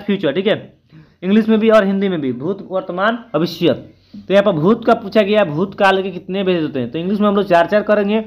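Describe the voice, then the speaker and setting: Man, high voice, casual exam-prep tutor, chatty, thinks aloud, self-correcting. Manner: chatty, keeps adding "ठीक है" after points; thinks aloud, corrects himself mid-answer. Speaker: teacher on an exam-prep channel.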